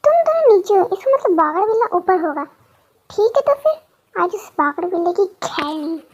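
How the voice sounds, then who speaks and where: A feisty, hot-tempered young woman, played by a woman in a homemade fan audio story. The voice sits very high and lets fly with indignant threats against the young man who insulted her. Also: big pitch swings, moderate pace, darkish tone, no echo, lo-fi sound. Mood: scheming. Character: feisty young woman, quick to pick fights.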